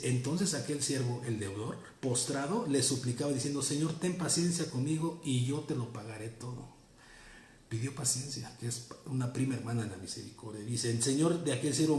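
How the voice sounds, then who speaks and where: A man preaching in a church, earnest and instructive, driving his points home by repeating phrases. His voice sits at a middle pitch. It rings out in an echoey room over faint background noise. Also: moderate pace, dark tone. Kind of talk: sermon.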